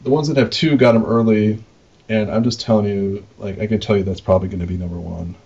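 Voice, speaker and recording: On a dull, lo-fi recording, a man with a lowish, somewhat dark voice speaks quickly in a steady tone. He's an arcade operator co-hosting a podcast, rambling informally through unscripted shop talk with some mildly crude slang.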